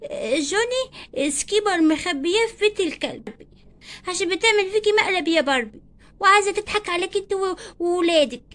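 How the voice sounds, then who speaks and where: A woman's voice: extremely high pitch, expressive, quick pace, fairly bright tone. A woman with an Egyptian accent voicing a matter-of-fact little girl who tells on her aunt in a doll play story. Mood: telling. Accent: Egyptian Arabic. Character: little girl, blunt tattletale.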